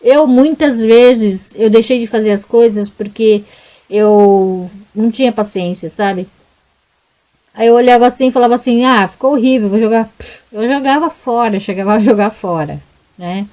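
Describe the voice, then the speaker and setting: A woman's voice: on the high side, moderate pace, dark tone, rough recording. A woman, chatting casually to her viewers as a crochet vlogger, rambling and tagging her sentences with little questions.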